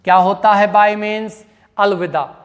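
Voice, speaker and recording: A man's voice: high voice, steady tone, measured pace, big-room sound. A male teacher giving a classroom grammar lesson, spelling out words letter by letter, repeating them and quizzing his pupils.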